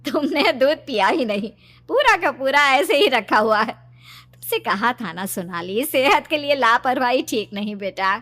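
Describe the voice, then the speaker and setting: A woman's voice: high-pitched, lively intonation, measured pace. Woman doing a fussing, caring mother. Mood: gently scolding. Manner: fussing, worried, scolding gently. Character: caring mother waking her frightened daughter. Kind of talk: cartoon story voice acting.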